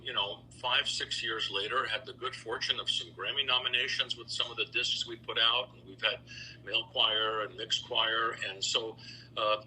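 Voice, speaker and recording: This middle-aged businessman, who also sings bass in a choir, tells anecdotes conversationally as an interview guest and acts out the dialogue he remembers. His medium-pitched voice has a sharp tone, and the low-quality recording carries a little hiss or hum.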